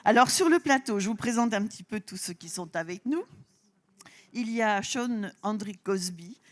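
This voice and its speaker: A woman hosts a literary panel at a festival. She talks in a halting way, full of fillers and restarts. Her pitch sits in the middle for a woman. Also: lively intonation. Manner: hesitant, many fillers and restarts, laughs at own pronunciation. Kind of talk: live festival panel introduction.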